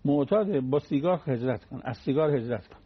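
A man's voice: medium pitch, lively intonation, breathy edge, lo-fi sound. A man giving a conversational religious talk on the radio, teaching through everyday anecdotes and homely examples.

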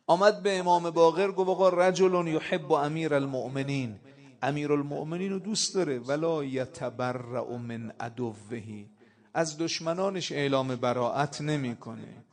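Impassioned male preacher, raised pitch. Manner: impassioned, rises loud on quoted Arabic and key points. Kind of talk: sermon.

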